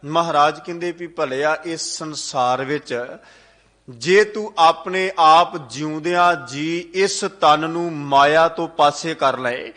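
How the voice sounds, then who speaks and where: Guy preaching a sermon, high bright voice, chants verses in between. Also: takes it slowly. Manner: sing-song recitation of scripture lines; repeats phrases for emphasis. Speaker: Sikh preacher giving katha. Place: gurdwara hall.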